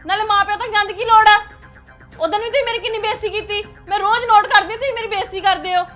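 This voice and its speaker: A woman's voice: very high voice, fairly even intonation, racing, sharp tone, faint music behind. A woman playing an indignant, fed-up young wife. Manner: indignant, complaining. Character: fed-up young wife standing her ground. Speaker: actress in a family skit.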